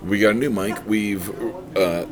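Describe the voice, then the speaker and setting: Recorded in a restaurant with music behind and a crowd in the background, a man co-hosting a podcast chats casually and meanders, heavy on fillers and crude humor. His voice is lowish, his tone steady and unhurried.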